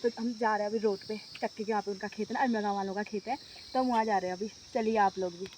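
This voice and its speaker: A young woman from the Uttarakhand hills vlogging casually with a phone while she works outdoors in the forest and fields. She talks loudly and laughs a lot. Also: mid-range voice, fairly even intonation, rapid-fire, a little hiss or hum. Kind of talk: casual vlog narration.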